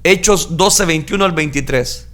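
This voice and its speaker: High-pitched preacher guy, dramatic sermon, keeps flipping from calm to loud. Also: unhurried. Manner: dramatic, shouts acted crowd lines.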